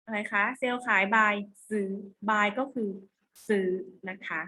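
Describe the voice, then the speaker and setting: Slow, bright-voiced Thai woman teaching. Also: medium pitch, steady tone, slight background noise. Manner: patient, repeats words slowly for children to echo. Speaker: primary school English teacher. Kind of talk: online classroom lesson.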